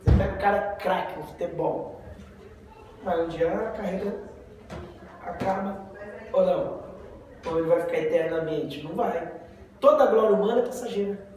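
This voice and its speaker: Man, Brazilian accent, Bible study teacher, chatty and joking, high voice, far from mic, strong room echo. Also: moderate pace, pauses often. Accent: Brazilian Portuguese. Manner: conversational, tells jokes, asks rhetorical questions. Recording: very echoey room, mic far off, noisy background.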